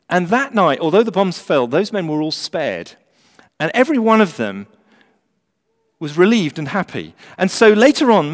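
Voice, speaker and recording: A man preaching an evangelistic sermon, earnest and urgent, with rhetorical questions and repeated phrases. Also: fairly high pitch. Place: large church or hall, preaching live. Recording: echoey hall with long reverb.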